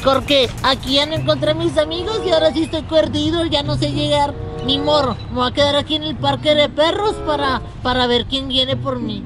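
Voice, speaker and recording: Little boy elephant, played by a man, high voice, silly childish grumbler, Mexican accent, loud music bed. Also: a little fast, hardly any pauses. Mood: lost, fretting. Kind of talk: children's costumed-character skit.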